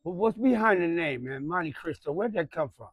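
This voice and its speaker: A man's voice: fairly high pitch, lively intonation, moderate pace, slightly rough. A man hosting a casual interview, hyped up and slangy, repeating his phrases. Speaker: interviewer host.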